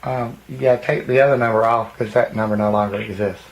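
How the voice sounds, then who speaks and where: A man's voice: on the low side, fairly even intonation, creaky, rough recording. Hesitant man calling customer service. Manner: hesitant, halting. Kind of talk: casual phone conversation.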